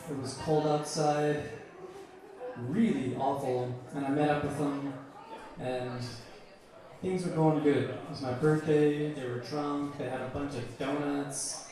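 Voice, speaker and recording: Stand-up comic, young guy, crude rambling anecdotes, booming bar echo, heard from a distance. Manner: profane, meandering anecdotes. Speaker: stand-up comedian. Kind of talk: stand-up storytelling. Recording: echoey bar from far off.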